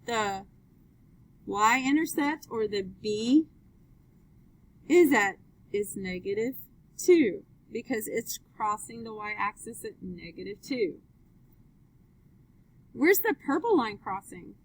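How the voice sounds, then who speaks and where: A woman's voice: a little high, sing-song, slow pace, pauses often, poor audio. A woman teaching a math class, upbeat, asking students question after question as she works through graphs. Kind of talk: live classroom lesson.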